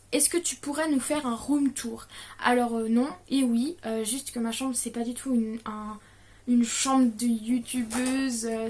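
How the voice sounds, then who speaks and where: A woman's voice: on the high side, darkish tone. A young woman in her late teens answering viewer questions in a casual vlog, hesitant and stammering with many fillers, audibly nervous. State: nervous, stressed.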